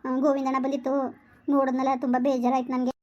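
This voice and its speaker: A woman playing a young village wife in a rural skit, soft-spoken and pleading for her brother. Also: high voice, completely flat delivery, racing, muffled recording, close to an everyday voice. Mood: sad, worried.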